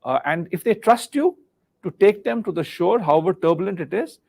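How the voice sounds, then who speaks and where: A middle-aged man from India speaks quickly and earnestly, a little high in pitch. His voice has a gravelly edge, and he repeats words as he gropes for the next thought. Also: animated, warm tone. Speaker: guest, former senior business leader. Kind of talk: live interview on leadership.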